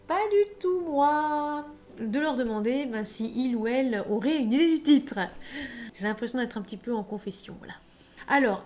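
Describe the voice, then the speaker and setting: Woman author, highish voice, chatty and animated, lots of hein and bah. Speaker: author giving writing advice. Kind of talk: casual advice video.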